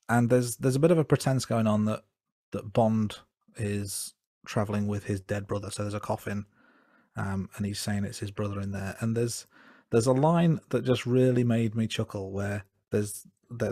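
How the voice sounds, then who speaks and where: A man's voice: lowish voice, creaky, mellow, no echo, studio quality. A man co-hosting a film podcast, wry and self-deprecating, with frequent ums. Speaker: podcast co-host. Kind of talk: casual film review chat.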